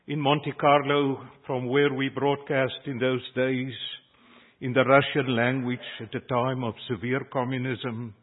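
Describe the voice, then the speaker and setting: An older South African pastor whose first language is Afrikaans preaches an earnest, emphatic sermon in South African English, rising on key phrases. His voice is medium-pitched and husky, with phone-quality sound.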